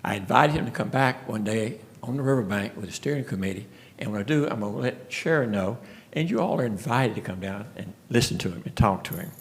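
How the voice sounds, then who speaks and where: A man with a lowish, expressive voice tells folksy stories during a casual presentation to a city commission. He talks fairly quickly and frequently starts over mid-thought.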